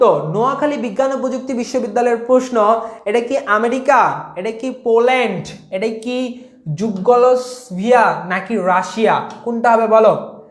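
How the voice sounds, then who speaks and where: A man's voice: very high voice, roomy sound. A man from Bangladesh teaching a live online exam-prep class, reading out questions, quizzing viewers and repeating key answers.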